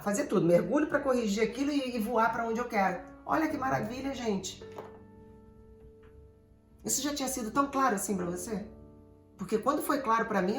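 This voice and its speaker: Animated Brazilian woman therapist. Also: a little high, creaky, echoey room. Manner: animated, digressive, addresses listeners directly. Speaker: emotional therapist. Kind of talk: motivational talk to an audience.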